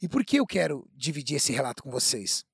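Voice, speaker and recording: A man's voice: medium pitch, big pitch swings, a little fast, gravelly, husky, no echo, clean studio sound. A man with a Brazilian Portuguese accent telling an emphatic personal story in a casual talk.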